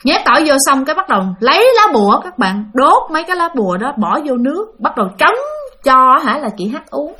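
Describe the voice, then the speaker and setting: Woman storyteller, high-pitched, chatty with fillers. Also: sing-song, fairly quick, bright, forceful tone. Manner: chatty, many fillers, addresses listeners. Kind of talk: spoken ghost-story narration.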